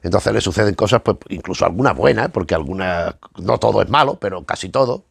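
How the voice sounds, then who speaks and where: Gravelly low-voiced man reviewing comics. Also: expressive, fairly quick, no room sound, clean studio sound. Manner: hesitant, often repeats words while searching for the next thought. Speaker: comic book reviewer, channel host. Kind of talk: casual spoken review while leafing through comics.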